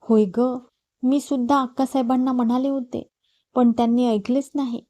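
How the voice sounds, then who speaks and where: A bright-spirited young woman, as a female storyteller puts her on, chatty and affectionate in an audiobook story. The voice sits a little high, with a mellow, soft tone. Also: flat delivery, normal speed. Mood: cheerful. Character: young educated woman, cheerful and warm.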